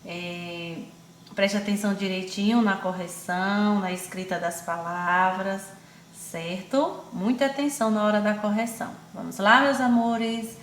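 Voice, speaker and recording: Woman, Brazilian accent, primary teacher, affectionate, slow sounded-out words, roomy echo. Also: medium pitch, fairly even intonation, a little hiss or hum. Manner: affectionate, calls pupils "my loves" and herself "auntie"; stretches words out slowly, syllable by syllable. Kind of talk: online class for young children.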